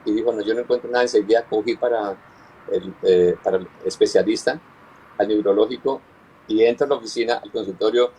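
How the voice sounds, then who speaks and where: A pastor giving an earnest personal testimony, often halting and repeating his words as he recounts. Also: fairly low pitch, warm tone, husky, rough recording.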